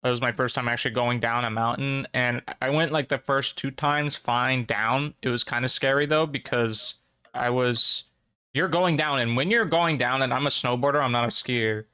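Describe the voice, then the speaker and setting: A man's voice: medium pitch, fairly even intonation, moderate pace, pushed and bright, clean tone, no room sound. A young man in his twenties co-hosting a podcast, telling a story at an easy ramble with many ums. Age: young adult. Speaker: podcast co-host. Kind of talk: casual storytelling.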